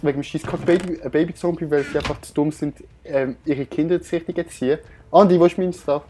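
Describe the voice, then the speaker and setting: Playful young Swiss German gamer. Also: male voice, fairly high pitch, fairly even intonation, quick pace, mellow, faint music behind. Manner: playful, whiny, teasing. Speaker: let's play host. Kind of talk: casual gameplay chat.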